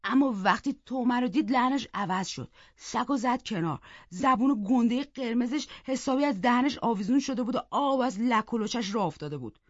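A woman reading a novel aloud in scripted first-person narration, expressive and acting out the characters. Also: on the high side, no room sound. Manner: expressive, acts out the characters' voices. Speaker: audiobook reader. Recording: dull, dry close recording.

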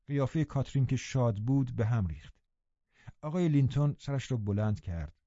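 Mellow, expressive male audiobook narrator. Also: mid-range voice, no echo, dull audio. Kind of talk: scripted first-person narration.

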